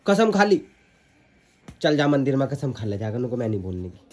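A young man films a casual vlog at home on his phone, chatting and teasing his family while calling his viewers "guys". His medium-pitched voice is brisk with big pitch swings, against background noise.

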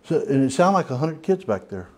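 A man's voice: fairly high pitch, sing-song, fairly quick. A man with a Southern US accent leading a church Bible study, talking in a folksy, rambling way with many restarts and fillers. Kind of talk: informal Bible study teaching. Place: church hall.

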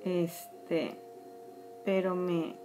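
A woman's voice: on the low side, little pitch movement, extremely slow, warm tone. Mexican woman, forties, live makeup tutorial, chatty, close camera mic, faint music behind. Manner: chatty, addresses viewers as girls, trails into whispers while applying makeup. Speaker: makeup vlogger. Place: small room indoors. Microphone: phone or webcam at close range.

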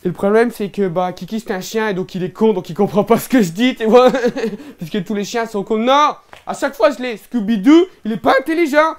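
High-voiced and a little fast, this man barely pauses while lightly acting out a crude young ch'ti lad in a solo stand-up show, complete with a Northern French accent. The character is brash, absurd, boastful and loud, and the delivery rambles with slang and lots of fillers.

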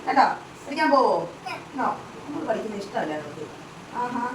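A woman chats through a casual family vlog at home, coaxing her small child and turning to address the viewers. Her voice sits on the high side and rises and falls in a sing-song way. Steady noise runs under the whole recording. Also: fairly quick. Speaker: vlogger and mother.

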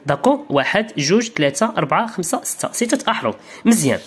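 Speaking quickly and very animatedly, a woman with a Moroccan Arabic accent gives a beginner lesson in a slightly husky voice. Her pitch rises and falls a lot as she explains, patiently repeating herself and checking that the learner keeps up.

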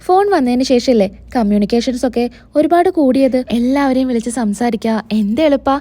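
A woman's voice: a little high, fairly quick, mellow, natural voice. Woman doing a defensive young husband. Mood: firm. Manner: protesting, brusque.

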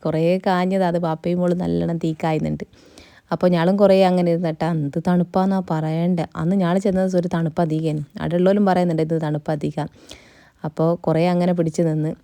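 A young woman narrates her travel vlog in a chatty, easygoing way. Her voice sits a bit low and mellow. It is recorded close and dry, with no room sound. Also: level tone, quick pace, creaky, no echo. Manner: chatty, tag words at line ends. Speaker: travel vlogger. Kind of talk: casual voice-over narration.

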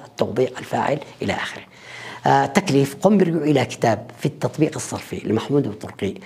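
A man's voice: medium pitch, creaky, a little mellow, breathy edge. A man lecturing on grammar in an online course, explaining rules with examples and many fillers. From Sudan. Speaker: university lecturer.

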